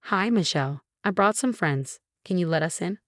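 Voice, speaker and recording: A woman's voice: on the low side, expressive, moderate pace, no echo, studio quality, natural voice. A woman voicing a bossy, scolding mother-in-law. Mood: pushy. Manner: demanding and scolding.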